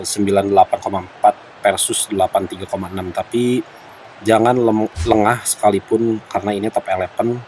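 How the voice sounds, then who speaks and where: A man with an Indonesian accent doing casual game commentary for viewers, halting and clearing his throat as he smokes while talking. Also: low voice, darkish tone, a little hiss or hum, poor audio. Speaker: gaming content creator.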